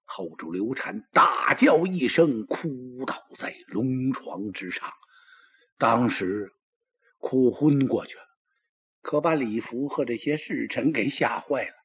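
A man's voice: lively intonation, slow pace, a bit bright, husky. A man performing traditional Chinese storytelling in a dramatic, exclamatory manner. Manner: dramatic, exclamatory, with lots of pitch swings.

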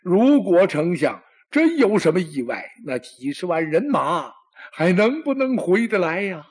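A man's voice: mid-range voice, lively intonation, takes it slowly, a little mellow, breathy edge. A man voicing a fretful young emperor in a storytelling performance, speaking in an anxious, pleading way. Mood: anguished.

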